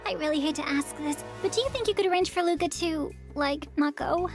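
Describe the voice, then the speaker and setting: High, flustered cartoon teen girl. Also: fairly quick. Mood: anxious, pleading. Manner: flustered, rambling, pleading. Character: anxious, awkward, earnest teenage girl. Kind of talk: animated cartoon dub acting. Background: background music.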